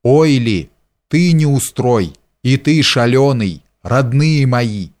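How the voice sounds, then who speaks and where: A man's voice: mid-range voice, expressive, takes it slowly, darkish tone. A man playing a robber chieftain just freed from prison, speaking boisterously to his comrades. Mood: joyful. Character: freed robber chief, bold and warm-hearted.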